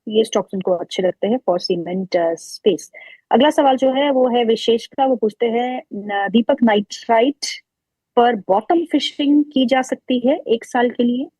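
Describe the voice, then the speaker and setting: Woman host, warm and dry-sounding. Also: fairly high pitch, measured pace, husky, no room sound, poor audio. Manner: conversational, reads out questions with small fillers. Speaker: show host. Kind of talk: reading viewer questions on a live show.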